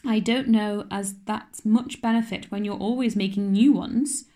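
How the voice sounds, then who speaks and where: A stern older spinster, as a woman reader puts her on, clipped and matter-of-fact. She delivers blunt remarks dryly, with no softness. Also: mid-range voice, fairly even intonation, unhurried, lightly acted.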